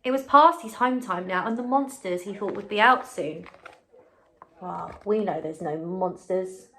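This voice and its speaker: Reading a little slowly in a mid-range voice, a primary school teacher shares a picture book with her class, with slight background noise audible. She's expressive and supportive, chatting and quizzing the children along the way.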